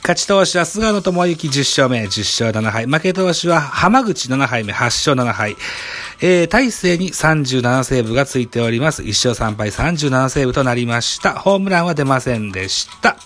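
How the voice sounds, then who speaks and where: A man's voice: mid-range voice, expressive, normal speed, fairly bright tone. A man hosting a baseball game review, speaking in very polite, formal announcer-like phrasing. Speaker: host.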